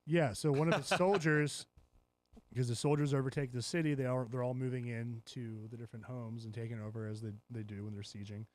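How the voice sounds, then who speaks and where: A podcast host with a mid-range voice talks fast with few pauses on a dry recording. He recaps a show in casual chat, telling it with animated flair and acting out the characters' lines.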